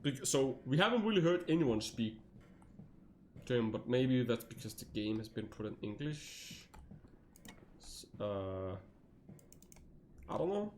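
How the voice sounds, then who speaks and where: A man's voice: big pitch swings, unhurried, long pauses, darkish tone, slight background noise. A man streaming a horror game, talking in a rambling, casual way and laughing often. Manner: rambling, laughs often, jumps to high yelps. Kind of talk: casual gameplay commentary.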